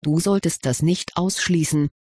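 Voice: medium pitch, steady tone, a little slow, darkish tone, dry recording, close to an everyday voice. A reader voicing a dry-witted schoolboy wizard. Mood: reasoning, dry. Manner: level-headed, lightly ironic lecturing. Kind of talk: audiobook reading of fan fiction.

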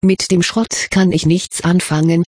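A reader voicing a brusque, hurried young male wizard with a sarcastic, impatient way of talking, in an audiobook. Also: mid-range voice, level tone, a little mellow, breathy edge, no room sound, studio quality. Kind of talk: audiobook character reading.

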